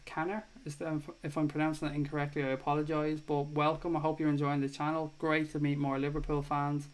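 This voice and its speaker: An Irish man in his thirties speaks briskly in a fairly high, clear, resonant voice with totally flat delivery. On his casual live football stream he chats away, reads comments aloud, curses occasionally, and warmly thanks the viewers.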